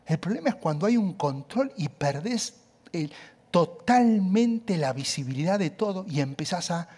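A male pastor preaching a sermon, emphatic and conversational, with quick asides to the congregation. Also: high-pitched, expressive, a little mellow, slightly rough.

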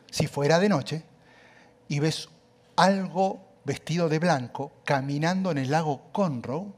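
A male pastor preaching a sermon, emphatic and conversational, with quick asides to the congregation. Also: on the high side.

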